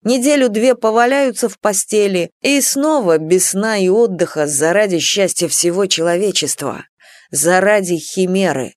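A woman's voice: medium pitch, no room sound. Dry, close female audiobook narrator. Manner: measured, dramatic storytelling.

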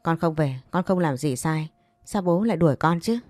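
A woman's voice: low voice, expressive, normal speed, a little mellow, no room sound, clean studio sound, soft background music. A woman voicing a spiteful, scheming young woman who taunts and whines, in a narrated audio story. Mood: whiny. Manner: taunting, whiny.

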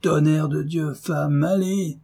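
A man reading aloud, voicing a brutal middle-aged father who shouts roughly and sarcastically. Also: mid-range voice, expressive, moderate pace. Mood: furious, gruff.

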